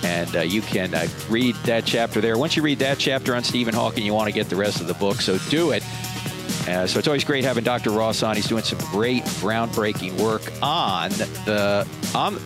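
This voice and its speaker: A man's voice: on the low side, normal speed, over music. A man hosting a radio interview show in a conversational way, asking questions and wrapping up segments.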